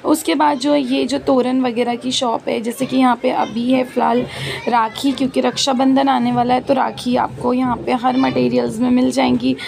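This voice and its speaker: A woman with a high, creaky voice and flat delivery speaks at normal speed while filming a walking vlog on her handheld phone. She chats and lists prices as she moves through a busy outdoor street market, with street noise and market ambience behind her.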